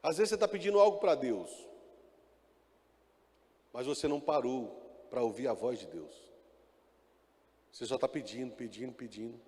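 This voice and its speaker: A pastor preaching a sermon in church, calling out to the congregation and mixing in joking asides. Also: male voice, medium pitch, expressive, normal speed, long pauses, dark tone. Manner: calls out to the congregation, often asking "amen?". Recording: echoey church hall reverb.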